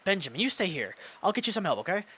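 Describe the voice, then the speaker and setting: A woman's voice: lowish voice, sing-song, fast talker, a bit bright, breathy edge, voice pushed up, exaggerated voice. A man voicing a flustered older woman principal in a game, fussy and scolding.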